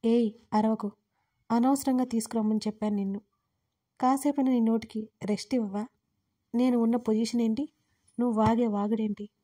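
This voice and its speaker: A gruff yet loving young husband who teases and scolds his wife in banter, read by a woman narrator. The delivery stays even and level with little swing in pitch. The tone is mellow and a touch high, close to the reader's own voice. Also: moderate pace, long pauses, dry recording, close to an everyday voice. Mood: teasing scold.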